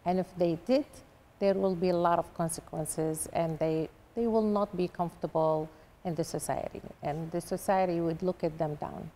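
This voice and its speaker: A woman from Iraq with an Iraqi Arabic accent, an artist answering interview questions in slow, deliberate phrases. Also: on the low side, fairly even intonation, dark tone, slight background noise. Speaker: artist guest.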